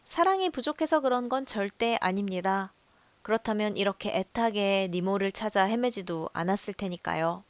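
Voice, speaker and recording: A woman narrating a film review in a calm, measured storytelling voice. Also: mid-range voice, dry recording. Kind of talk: scripted voice-over narration.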